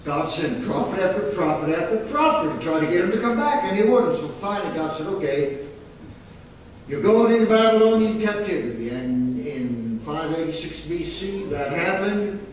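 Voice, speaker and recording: A man's voice: on the high side, expressive, moderate pace. A man preaching a sermon as pastor, in a folksy, emphatic way. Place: church sanctuary. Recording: echoey sanctuary, mic far off.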